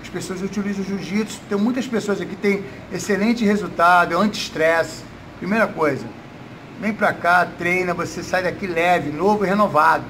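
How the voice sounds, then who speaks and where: A man's voice: sits high, normal speed, fairly bright tone, rough recording. A Brazilian man in his fifties, a coach giving casual interview answers in a gym with noise behind him. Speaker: jiu-jitsu coach. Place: indoors, gym room. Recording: noticeable background noise.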